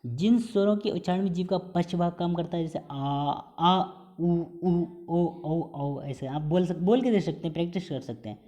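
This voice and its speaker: Mellow-voiced man teaching a lesson. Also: high-pitched. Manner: explanatory, drawn-out sounds to demonstrate pronunciation; mixes in English terms. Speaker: Hindi teacher. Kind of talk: recorded exam-prep lesson.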